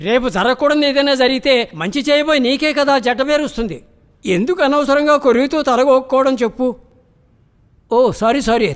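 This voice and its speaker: Brief: quick, sarcastic judge, very high voice, reverberant room. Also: male voice. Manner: brisk, commanding, sarcastic. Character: brisk sarcastic male judge giving orders. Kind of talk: film dialogue.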